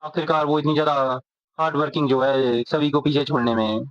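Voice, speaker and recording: A man narrating a comic's plot as a rapid storytelling recap, voicing each character. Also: on the high side, steady tone, no room sound. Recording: dull, dry lo-fi recording.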